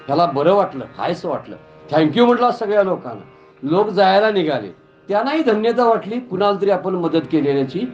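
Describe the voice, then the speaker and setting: A man preaching a devotional story sermon in a temple, animated and full of rhetorical questions. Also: high voice, fairly quick, lo-fi sound, soft background music. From Kolhapur, Maharashtra. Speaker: Bhagavat katha preacher. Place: temple gathering.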